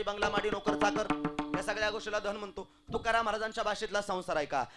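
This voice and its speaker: A man preaching a devotional kirtan sermon, declaiming loudly and then dropping to hushed asides. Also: high-pitched. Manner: declaiming, swings between loud proclaiming and hushed asides.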